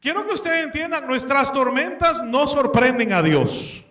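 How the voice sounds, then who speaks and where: A man's voice: very high-pitched, lively intonation, measured pace, bright, forceful tone. A man preaching a sermon with animation, asking the congregation questions and slipping English words into his speech. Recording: echoey room, distant mic.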